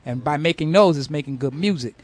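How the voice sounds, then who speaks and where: A man hosting a hip hop radio show, shouting out names in a sing-song flow and giving earnest advice to callers. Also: a little high, fast, dry recording. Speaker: radio host.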